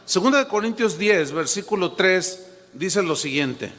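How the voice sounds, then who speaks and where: High-voiced pastor preaching in an echoing hall. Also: male voice, expressive, measured pace, a bit bright, a little hiss or hum. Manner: emphatic preaching, repeats key words, addresses the congregation directly. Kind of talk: sermon. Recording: long hall reverb.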